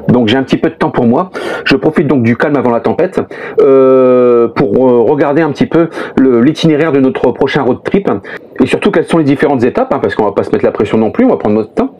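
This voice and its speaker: Husky French man, chatty vlog explainer. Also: mid-range voice, expressive, fairly quick, dark tone, dull audio. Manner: chatty, explains step by step, frequent "hein" and "euh" fillers. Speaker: vlogger, father of a motorhome-travelling family. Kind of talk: casual explanatory vlog talk to camera.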